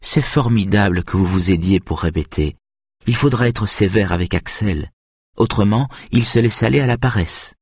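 A man voicing a cheerful older woman greeting a guest in an audiobook, speaking slowly and brightly. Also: fairly low pitch, slightly rough, dry recording, clean studio sound, voice pushed up. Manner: bright, lively. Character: cheerful older lady of the house.

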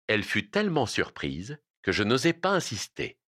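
A man narrating a literary story aloud in an expressive, dramatic reading. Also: fairly low pitch, normal speed.

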